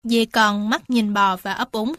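A woman reading animal stories and facts aloud to young children, gentle and addressing them warmly as little ones. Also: mid-range voice, steady tone, a little slow, no room sound, studio quality. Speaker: storyteller for children. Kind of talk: children's storybook narration.

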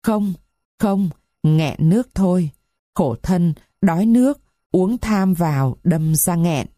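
A woman voicing a dying blind old woman who speaks in a faint, trembling, rasping way. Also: on the low side, lively intonation, slow pace, dark tone, no echo, clean studio sound. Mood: weary.

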